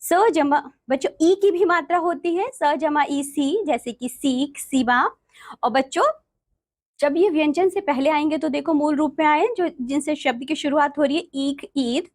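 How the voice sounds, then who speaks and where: A woman teaching a grammar lesson to children, slowly spelling out letters and speaking to them directly. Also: high voice. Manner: slow, deliberate spelling-out of letters.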